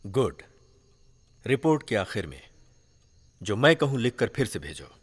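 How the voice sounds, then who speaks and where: An actor playing a domineering home minister who bullies subordinates and erupts into shouting. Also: male voice, fairly low pitch, very animated, measured pace, husky, heavily acted. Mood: menacing. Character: furious corrupt home minister, male, commanding.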